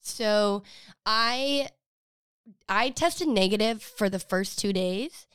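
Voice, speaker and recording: Smooth-voiced young woman, rambling podcast host. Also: medium pitch, slow, a bit bright, dry recording, studio quality. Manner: rambling, with fillers and asides. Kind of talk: casual chat.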